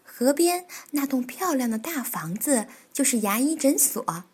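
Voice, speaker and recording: Female storyteller for children, expressive read-aloud, husky high voice. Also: measured pace. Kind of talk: reading a picture book aloud.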